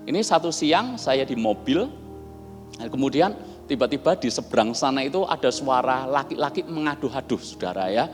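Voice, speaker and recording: A man preaching a sermon, telling stories in a chatty, animated way and acting out dialogue. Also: mid-range voice, normal speed. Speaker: pastor. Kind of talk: sermon with storytelling. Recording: long reverb, soft music behind.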